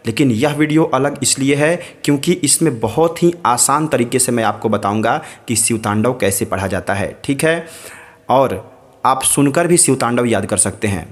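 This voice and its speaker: A man teaching a recitation lesson, chanting each word slowly syllable by syllable and repeating it, between spoken explanations. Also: medium pitch.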